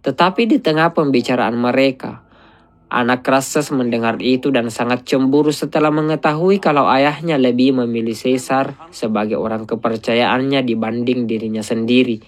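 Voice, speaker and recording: A man's voice: medium pitch, moderate pace. Man narrating a film recap. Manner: steady storytelling voice-over. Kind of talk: scripted narration.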